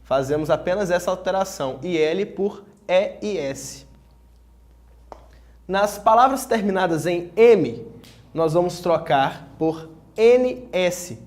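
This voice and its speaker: A man teaching a grammar lesson, speaking clearly and spelling out each example slowly. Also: sits high, expressive, darkish tone. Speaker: Portuguese teacher.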